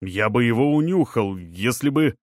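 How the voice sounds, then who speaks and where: Audiobook: reader as a calm Neanderthal man, low-key and quiet, dry booth. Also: no echo, close to an everyday voice. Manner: quiet, measured, subdued.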